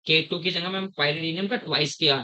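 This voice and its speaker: A middle-aged man teaching a chemistry class, slowly repeating terms, quizzing his students and calling them "beta". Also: on the high side, steady tone, bright, forceful tone, highs cut off. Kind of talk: classroom lecture.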